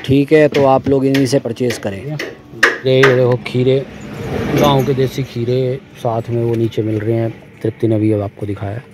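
A man's voice: mid-range voice, steady tone, moderate pace. Chatty man vlogging from a car. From India. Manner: chatty, addresses viewers as guys and brother. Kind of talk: casual travel vlog narration. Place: car on a hot highway and clinic. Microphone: phone camera held by the filmer. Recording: phone audio with outdoor noise.

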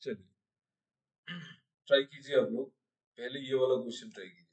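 A man's voice: mid-range voice, steady tone, normal speed, low-quality recording. A young man, a teacher, explains math problems in a mix of Hindi and English, working through each step and asking his online students questions. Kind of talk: online exam-prep math class. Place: online class.

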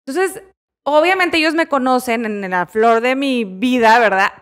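A middle-aged woman, chatting casually as a podcast host and telling stories loudly. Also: high-pitched, moderate pace. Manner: loud, animated storyteller. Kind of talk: casual chat.

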